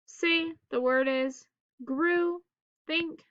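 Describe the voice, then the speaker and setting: A woman teacher leading a phonics drill for children in staccato, clipped single words with pauses between them. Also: high-pitched, a bit bright, dry recording, muffled recording.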